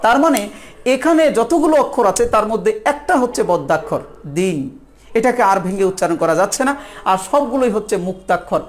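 A woman's voice: fairly high pitch, lively intonation, quick pace. A woman from Bangladesh, teaching an exam-prep lesson in a patient, methodical way and sounding words out syllable by syllable. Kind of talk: recorded video lesson.

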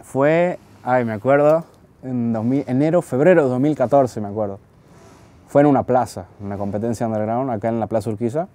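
A man in his twenties from Tucumán, a freestyle rapper with an Argentine accent, talks casually and hesitantly in an interview, often repeating words. His voice is mid-range and warm, and he speaks fairly quickly.

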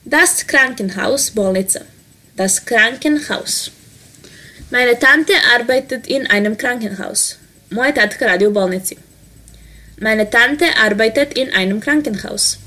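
Slow, careful woman teaching vocabulary. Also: on the high side, pushed and bright. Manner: says each word and sentence slowly, then translates it quickly. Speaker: language teacher. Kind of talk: vocabulary lesson.

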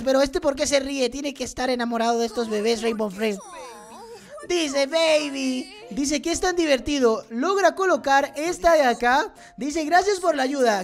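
A woman hosting a gaming channel, giving excitable reaction commentary on an animation and constantly calling out to her viewers. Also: sits high. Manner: excitable, keeps addressing viewers as "chicos".

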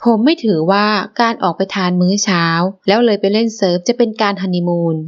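A woman reading an audiobook, voicing a calm, firm young man who speaks level and emphatic. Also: medium pitch, quick pace, dull audio, natural voice.

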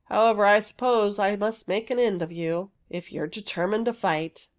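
A woman voicing a huge, weary male giant in a storybook reading, loud and slow with heavy sighs. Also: mid-range voice, fairly even intonation, lightly acted.

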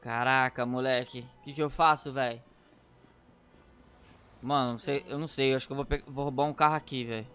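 A man giving frantic let's-play commentary, yelling commands at the game. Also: medium pitch, steady tone, fairly quick, long pauses, clear, resonant tone. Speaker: gaming YouTuber.

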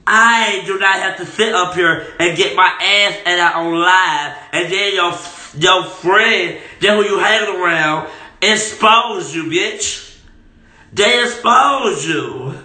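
A man's voice: high voice, takes it slowly, sharp tone. A man on a livestream, taunting and confrontational, repeating his jabs over and over on a phone mic. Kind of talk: heated livestream rant. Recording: roomy echo.

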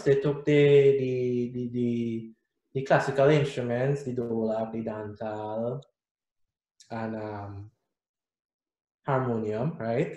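This middle-aged man from Trinidad and Tobago, a guest musician, speaks at medium pitch with a Trinidadian accent. His casual interview talk is animated, with hand gestures as he explains things. The sound comes from a video call webcam in a small, echoey indoor room.

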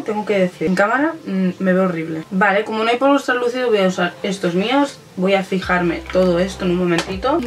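Young girl doing a makeup vlog, lots of ums, bit far from the mic, faint music behind. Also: mid-range voice. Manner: chatty, thinking aloud with many fillers and hesitations. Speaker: beauty vlogger. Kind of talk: casual makeup tutorial chat.

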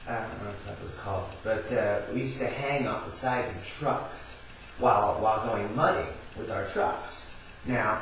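A man casually telling a personal story, rambling with lots of fillers and building to excited yelling. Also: medium pitch, a little hiss or hum. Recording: very echoey room, far from mic.

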